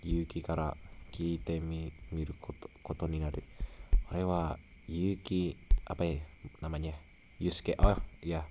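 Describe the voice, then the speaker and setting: A young man who grew up speaking Indonesian reads a novel aloud in Japanese with an Indonesian accent. He thinks aloud in a halting way, often trailing off and repeating words. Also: low-pitched, warm tone, slight background noise. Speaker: language learner. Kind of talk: reading a novel aloud and musing.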